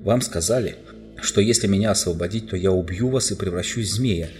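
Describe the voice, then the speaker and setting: A man's voice: deep voice, a little fast, darkish tone, soft background music, lightly acted. A man reading aloud and voicing a desperate, enchanted young knight who is tied to a chair, pleading passionately. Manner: impassioned, pleading then raging.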